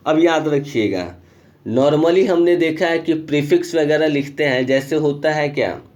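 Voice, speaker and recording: Mellow-voiced male teacher explaining grammar. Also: on the high side. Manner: explains patiently, repeats "ठीक है" and calls students "Babu"; reads English rules slowly word by word. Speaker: school English teacher. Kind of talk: grammar lesson in Hindi over screen recording. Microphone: screen recorder mic.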